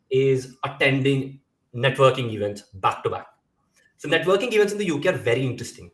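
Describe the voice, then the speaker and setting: A man's voice: medium pitch, a bit bright, roomy sound, poor audio. A man from India, a career coach, giving earnest advice on a live video call, laying out points in lists with frequent fillers.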